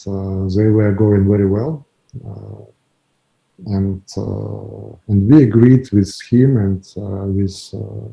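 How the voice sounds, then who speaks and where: Ukrainian-accented businessman guest, low dark gravelly voice, halting delivery with many fillers. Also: poor audio. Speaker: guest, company founder. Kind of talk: interview answers.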